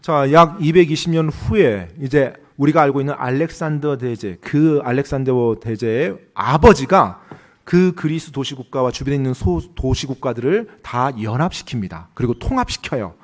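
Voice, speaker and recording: A man interpreting a sermon phrase by phrase, with lively, rising questions to the congregation. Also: medium pitch, normal speed.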